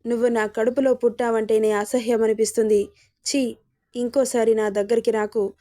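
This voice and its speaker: Storybook figure: a stern angry mother, read by a woman, raised pitch, mellow tone. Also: flat delivery, normal speed, close to an everyday voice. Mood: scolding. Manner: harsh scolding.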